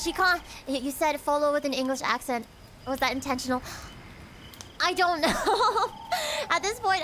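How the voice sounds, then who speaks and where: A young woman from the United States hosts a casual livestream from her home setup. She talks in a bubbly, giggly way, greeting viewers with a high, sunny voice. A faint background hiss stays underneath. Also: a bit bright. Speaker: VTuber streamer and singer.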